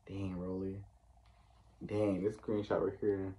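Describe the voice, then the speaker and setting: A man's voice: sits low, flat delivery, slow pace, warm tone. A man from the US East Coast recapping a reality show in casual chat, chatty and sassy, full of "like" and slang asides.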